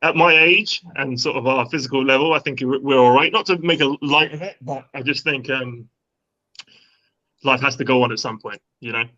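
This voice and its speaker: A man's voice: mid-range voice, fairly quick, pushed and bright. Man who sounds down a well. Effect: muffled and hollow, as if from the bottom of a well. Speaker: fitness trainer, guest on live stream. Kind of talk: casual chat on a video call. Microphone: video call. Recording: dull lo-fi call audio.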